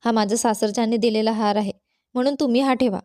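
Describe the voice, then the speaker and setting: A woman voicing a kind, earnest young sister-in-law who pleads gently in a storybook reading. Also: fairly high pitch, steady tone, fast, no room sound, studio quality, natural voice.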